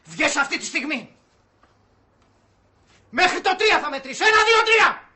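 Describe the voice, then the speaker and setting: An actor playing a fed-up young man who scolds and throws out his flatmate in a sitcom. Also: sits high, slight background noise. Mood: furious. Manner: scolding, explosive shouts. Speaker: angry flatmate. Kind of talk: sitcom acting.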